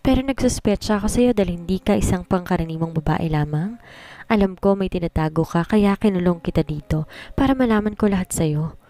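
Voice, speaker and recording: A woman voicing a possessive, brooding rich young man in a soft, insistent tone. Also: fairly low pitch, brisk, no room sound, lightly acted.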